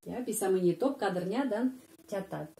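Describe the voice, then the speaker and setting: A woman with a Russian accent teaching a language lesson, repeating words slowly and ending phrases with a questioning "ya". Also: mid-range voice, expressive, creaky, mellow. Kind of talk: slow explanatory language lesson. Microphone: speaking to a whiteboard lesson video.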